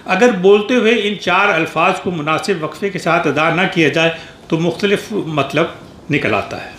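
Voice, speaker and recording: A man with a fairly high voice reads a prepared memorial tribute in a formal, measured way. He sounds echoey, as in a large hall, and faint background noise runs under his words. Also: fairly bright tone. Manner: measured, formal reading with small restarts. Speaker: speaker at a memorial gathering. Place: reception hall at an embassy.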